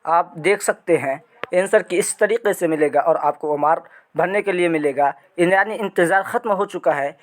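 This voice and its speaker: A man's voice: high-pitched, moderate pace. A male channel host giving a casual screen walkthrough, repeating and restarting his phrases as he goes.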